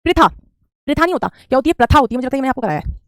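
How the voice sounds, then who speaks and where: Woman, 30s, online Hindi teacher; repetitive, patient drilling; slightly high voice, dry sound. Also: very animated, racing, dry recording. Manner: repetitive drilling, calls students beta. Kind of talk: online class teaching spelling.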